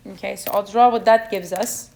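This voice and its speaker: This young woman's voice sits at medium pitch, creaky and darkish, with fairly even intonation and normal speed. Speaking with a non-native English accent, she leads a chemistry exam review, questioning students and checking in with "okay?" Some hiss or hum is audible.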